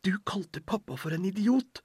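A man voicing a sick, timid young girl who pleads and whines, with a husky edge to his voice. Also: sits high, lively intonation, darkish tone, dry recording, voice pushed up, exaggerated voice. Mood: shocked. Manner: whiny, pleading.

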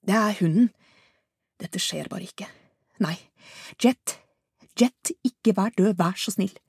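A woman's voice: fairly low pitch, gravelly, darkish tone, slightly rough, no echo, clean studio sound, full character voice. A woman narrator voicing a panicked caller reporting an attack in an audiobook. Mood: frantic. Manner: frantic, sobbing pleas. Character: panicked caller at a crime scene.

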